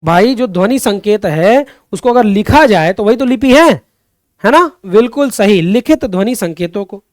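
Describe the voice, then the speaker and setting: A man's voice: high voice, expressive, moderate pace, no echo, clean studio sound. A young man teaching a Hindi exam-prep class online. He keeps repeating the questions, calls his students friends and children, and pushes them to answer, sometimes drifting into fervent remarks on society. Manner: digresses into impassioned social commentary.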